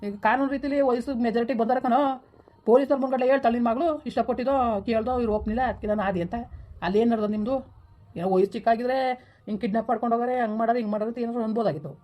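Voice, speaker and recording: A woman playing a stern village woman who scolds and hushes her relatives in a family skit. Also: fairly high pitch, close to an everyday voice. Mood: stern scolding. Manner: scolding, hushing others, rapid-fire.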